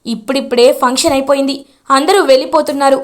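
A woman voicing a gentle older grandmother who calms others down. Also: high voice, fast, lightly acted. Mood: soothing. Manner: gentle, calming appeal.

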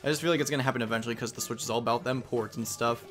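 A young man rambles casually through let's play commentary. His pitch is average for a man, and game music plays faintly behind him. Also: fairly even intonation, racing, fairly bright tone. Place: voice-over recorded over game audio.

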